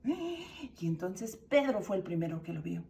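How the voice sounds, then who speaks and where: Speaking far from the mic, a woman with a Mexican Spanish accent teaches a children's Sunday school lesson in an unhurried, medium-pitched voice with vocal fry. She tells a story animatedly, acting out the characters' cries.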